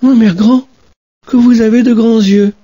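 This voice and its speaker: A man voicing an innocent, trusting little girl in a storybook reading, with a high, eager, wide-eyed delivery. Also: fairly even intonation, unhurried, dark tone, slightly rough, dry recording, dull audio, exaggerated voice. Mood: wondering.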